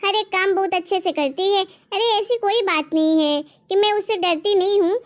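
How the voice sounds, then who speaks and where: A woman plays a kindly middle-aged mother-in-law who answers criticism with patience. Her voice is very high and her manner is soothing. She defends others rather than arguing back. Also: moderate pace, dull audio. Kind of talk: homemade family drama.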